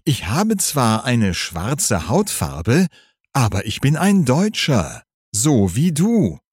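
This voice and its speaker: A man voicing an earnest, studious teenage schoolboy in a read-aloud story, speaking slowly and carefully. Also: mid-range voice, huge pitch swings, a little mellow, husky, no echo, studio quality, pitched above the performer's own voice, heavily acted. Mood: indignant.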